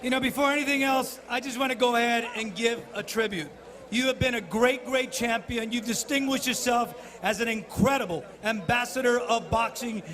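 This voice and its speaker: A man's voice: very high voice, steady tone, normal speed. A man doing a bilingual post-fight interview and interpreting, speaking emphatically and effusively. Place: in the ring at an arena. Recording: loud arena crowd behind.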